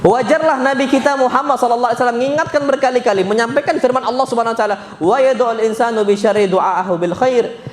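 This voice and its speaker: A man with an Indonesian accent preaching a mosque study sermon, animated and questioning the crowd, dropping Arabic phrases. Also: extremely high pitch, fast talker. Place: large mosque hall. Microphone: handheld or stand mic in a hall. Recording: echoey mosque hall with faint ambience.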